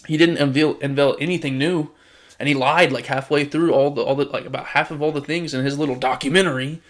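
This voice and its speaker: A man's voice: a little high, steady tone, quick pace. A man giving casual political commentary, reading news items aloud and reacting with exasperated sarcasm, often restarting his sentences.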